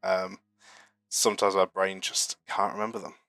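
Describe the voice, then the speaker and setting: Recovering from a flu, a young man from the United Kingdom hosts a marble racing channel's live stream, reading chat messages in loose, rambling, self-deprecating talk full of fillers. His low, gravelly voice stays fairly flat at a moderate pace. The recording is close and dry, with faint music underneath.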